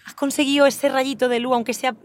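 A woman's voice: high voice, flat delivery, fairly quick. A woman co-hosting a casual interview in a car, asking long, rambling questions. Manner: chatty, rambling questions with restarts. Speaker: co-host. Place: inside a car.

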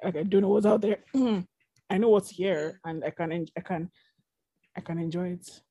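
A young woman chats casually on a podcast, rambling through her thoughts with plenty of "like" and "you know." Her voice is mellow and warm, on the lower side, and the recording is dry and close. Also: fairly even intonation, normal speed, slightly rough, no room sound. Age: young adult. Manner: chatty, rambling, many fillers. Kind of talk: casual chat.

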